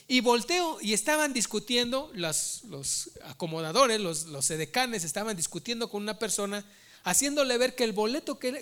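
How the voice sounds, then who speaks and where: Male preacher, bright, tense tone, storytelling sermon. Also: high voice. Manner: storytelling, addresses listeners as brothers.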